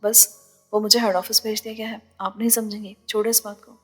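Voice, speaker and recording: A woman's voice: mid-range voice, little pitch movement, husky, in a large hall, soft background music, close to an everyday voice. A woman voicing a worried, proud young woman in an audio novel, guarded and tight-lipped.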